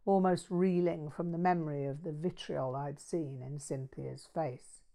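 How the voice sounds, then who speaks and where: A woman reading scripted audiobook narration in a measured, literary manner. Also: deep voice, fairly even intonation, creaky, warm tone.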